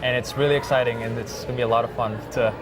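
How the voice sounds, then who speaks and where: A man's voice: mid-range voice, steady tone, very fast. A young man, a filmmaker guest, talking in a casual interview with lots of "like" fillers. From Thailand. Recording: music playing behind.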